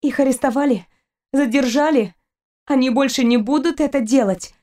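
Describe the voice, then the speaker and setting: A woman's voice: high-pitched, moderate pace, dark tone, voice pushed up, lightly acted. A frightened young woman taken into space pleads in a raised, agitated voice, read by a woman narrator. Her lines are urgent and insistent. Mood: pleading.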